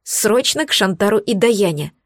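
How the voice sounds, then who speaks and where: A woman's voice: medium pitch, animated, moderate pace, no echo, studio quality, natural voice. Devoted incubus husband, read by a woman. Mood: joyful.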